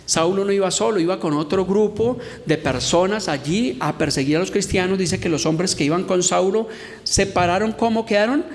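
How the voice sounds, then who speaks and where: A middle-aged man delivers a sermon with a fairly high voice, teaching earnestly and slowing down for scripture. His voice rings with long reverb in a church hall. Faint noise sits underneath. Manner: earnest teaching tone, reads scripture and acts out quotes slowly. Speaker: preacher.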